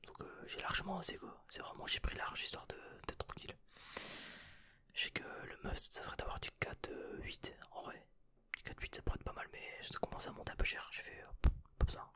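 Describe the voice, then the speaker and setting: A man's voice: a little fast, bright, forceful tone. A young man whispering through an unboxing vlog in his bedroom into a desk microphone, hesitant and rambling with mild swearing. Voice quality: breathy whisper. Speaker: vlogger.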